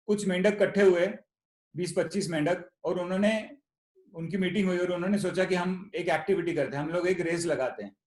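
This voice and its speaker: High-voiced man in echoey room. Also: fairly quick, a little mellow. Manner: storytelling, repeats words, mixes Hindi and English. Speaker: speaker at a club meeting. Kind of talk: motivational talk with a story. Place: meeting room.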